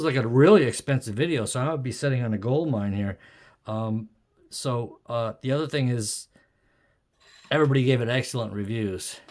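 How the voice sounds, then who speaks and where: A middle-aged man with a medium-pitched, darkish voice muses aloud to himself, hesitant and self-deprecating, as he shows an object. As an amateur video maker, he works at a wooden desk in a home room. A camera or phone on a tripod captures clearly noisy audio with clicks.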